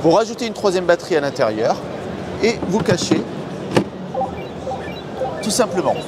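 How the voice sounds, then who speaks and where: A man in his thirties, a company director, presenting a new scooter in an interview with a confident sales pitch full of figures. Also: big pitch swings, moderate pace. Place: busy indoor trade show hall. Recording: loud crowd noise of a trade show. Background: loud trade show crowd noise.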